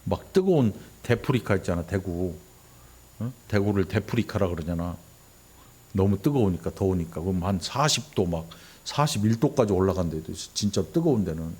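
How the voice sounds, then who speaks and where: A man's voice: animated, moderate pace, husky. A middle-aged man preaching a sermon in a church, speaking in a conversational way, often checking in with the congregation and acting out quoted lines. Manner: acts out quoted lines with sharp jumps in pitch. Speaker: pastor. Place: church sanctuary.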